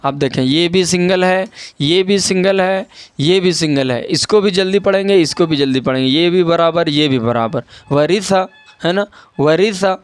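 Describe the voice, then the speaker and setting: High, clear-voiced man teaching Qaida reading. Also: no room sound. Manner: patient, spells letters out slowly and repeats. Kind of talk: online Qaida reading lesson.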